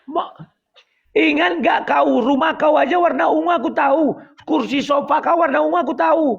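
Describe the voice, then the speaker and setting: A man's voice: very high voice, moderate pace, creaky, lo-fi sound. A man in a heated online debate, combative, who keeps cutting in to demand his turn. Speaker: guest debater.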